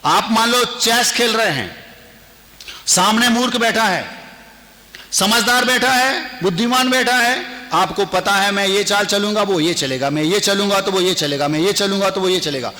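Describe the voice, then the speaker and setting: A man, a Jain monk, giving a lively, humorous sermon and acting out little household dialogues. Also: high-pitched, moderate pace, in a large hall.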